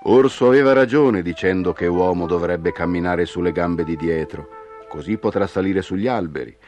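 A man's voice: low voice, moderate pace, darkish tone, faint music behind, lightly acted. A man voicing a clever male coyote trickster in a storybook tale, smug and patient.

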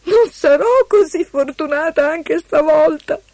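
A woman voicing a frightened young maiden in a fairy tale, pleading in a drawn-out way, with music playing behind. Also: fairly high pitch, animated, dark tone, no room sound, pitched above the performer's own voice.

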